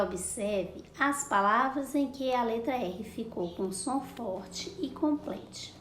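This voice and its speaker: A higher-pitched woman talks young pupils through a lesson at an unhurried pace. She repeats words and sounds out syllables with patience. Her voice echoes around a room with a faint hum of ambience behind it. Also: fairly bright tone. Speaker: primary school teacher. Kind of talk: recorded classroom lesson for children.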